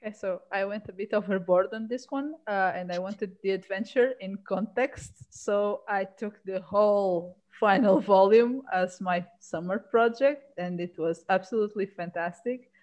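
A woman's voice: medium pitch, normal speed, few pauses, a little mellow, lo-fi sound. A woman chatting casually as a panelist on a video call.

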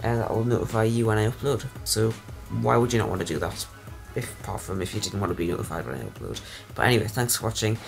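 A man's voice: lowish voice, animated, fast, gravelly, hardly any pauses, soft background music. A young man casually vlogging to a handheld camera at arm's length, rambling with lots of ums. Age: young adult. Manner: chatty, rambling with many ums. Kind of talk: casual vlog. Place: indoors and outdoors while travelling, hotel room.

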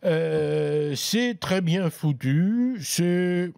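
Man, tech columnist, slow unhurried delivery, easygoing explanations, dry close sound. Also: on the high side, expressive, vocal fry, a little mellow, no echo. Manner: easygoing, explains with frequent hesitations. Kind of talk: casual product review chat.

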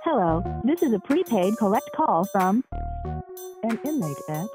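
A woman's voice: mid-range voice, very animated. A woman's recorded voice giving the automated prison collect-call prompt over the phone. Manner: measured, announcing. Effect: automated prison collect-call phone message. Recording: distant phone audio under music. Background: music.

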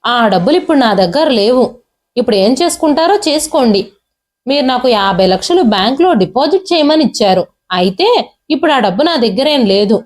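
A woman's voice: a little high, animated, brisk, natural voice. A woman storyteller voicing a cruel, arrogant grown son who talks down to his father harshly. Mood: shouting. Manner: harsh, dismissive, yelling.

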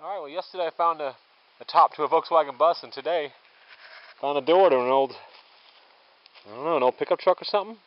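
A slightly high-voiced man speaks quickly and pauses often while vlogging his long-distance hike on a forest trail. Easygoing and rambling, he thinks aloud as he walks; there's no echo, just dull lo-fi camera audio and faint outdoor noise.

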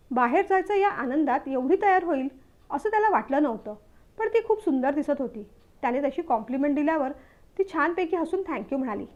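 A woman's voice: high-pitched, darkish tone, dull audio. A woman narrating a family story, reading it aloud steadily and expressively.

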